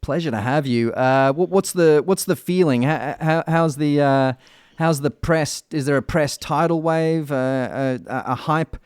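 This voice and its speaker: A man hosting a casual music interview, with halting, meandering phrasing and jokey, mock-grand wording. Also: fairly high pitch, a little mellow, clean tone, no echo, clean studio sound. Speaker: radio show host.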